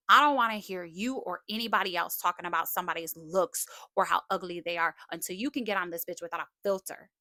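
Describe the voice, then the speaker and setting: Scolding woman with a bright voice. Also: medium pitch, no room sound. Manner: scolding, sarcastic, swearing. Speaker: streamer commenting on a livestream feud. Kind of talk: confrontational live commentary.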